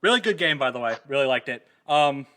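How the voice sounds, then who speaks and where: A man hosting a podcast in casual chat, often filling pauses with ums and laughing. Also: mid-range voice, animated, a bit bright. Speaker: podcast host.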